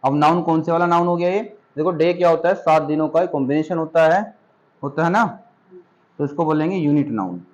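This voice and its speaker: A man with a Hindi accent and a voice on the high side teaches a classroom grammar lesson at a fairly quick pace, though the recording is muffled. He patiently asks questions, repeats points, and checks that his students are following.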